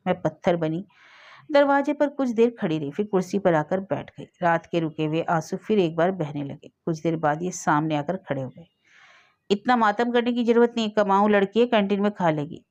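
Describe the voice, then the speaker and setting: A woman's voice: lowish voice, a little mellow. A woman narrating an emotional first-person story in an earnest storytelling manner. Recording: dull lo-fi audio.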